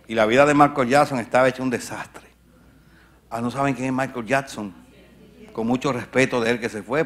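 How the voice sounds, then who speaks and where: A man delivers a church sermon in the voice of a pastor, his pitch sitting in a middle range for a man. He leaps from loud, high-pitched exclamations down to soft, hushed lines, and keeps breaking off to put chatty questions to the congregation. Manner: dramatic swings from shouting to near whisper; conversational asides to the congregation.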